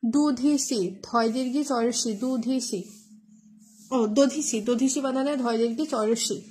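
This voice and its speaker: Husky, high-voiced woman tutor. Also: unhurried, mellow. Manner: spells words out letter by letter with many fillers; explains with memory tricks, asks "right?". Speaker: tutor for exam spelling. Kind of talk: online spelling lesson.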